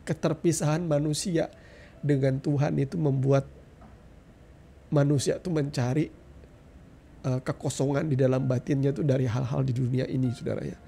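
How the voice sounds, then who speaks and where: A man's voice: medium pitch, fairly even intonation, normal speed, creaky, pauses often, dark tone, slight background noise. A middle-aged man giving an earnest testimony sermon, speaking directly to his listeners as a preacher. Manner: earnest, addresses listeners as "saudara".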